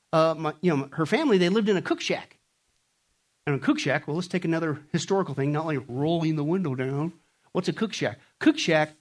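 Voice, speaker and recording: A man from Kansas preaching a sermon, talking casually and asking the audience questions, rising to loud peaks and then dropping to quiet asides. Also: on the high side. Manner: animated, swings from shouting peaks to hushed asides; conversational, asks the audience rhetorical questions. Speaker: pastor.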